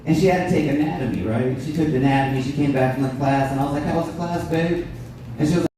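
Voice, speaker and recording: A man's voice: medium pitch, racing, warm tone, slight background noise. A man in his thirties doing a stand-up comedy set on a club stage, brash and profane, bantering with the audience. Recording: echoey club room, distant, crowd laughter.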